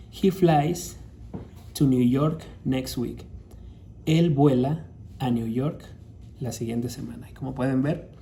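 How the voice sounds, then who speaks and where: A man with a Latin American Spanish accent teaches a recorded grammar lesson, walking through each rule patiently. His voice is very dark and mellow. Faint room hum sits behind him. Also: medium pitch, vocal fry. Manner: patient, explains step by step, reads English examples slowly. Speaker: English teacher.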